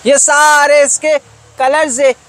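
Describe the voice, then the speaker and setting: High-voiced man pitching bedding prices. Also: level tone, takes it slowly, a bit bright. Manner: lists prices, repeats them in English. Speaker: shop salesman. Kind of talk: product demonstration pitch. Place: bedding shop.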